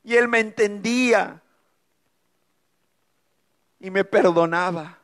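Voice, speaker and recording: A middle-aged man giving an emotional testimony as a speaker at a church conference, preaching with dramatic pauses. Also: sits high, fairly bright tone.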